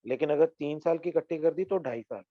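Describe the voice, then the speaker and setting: A man's voice: on the high side, fairly quick, narrow, tinny audio. A man taking part in a group session, hesitantly asking for points to be explained again. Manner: hesitant, asks for points to be repeated. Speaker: session participant asking questions.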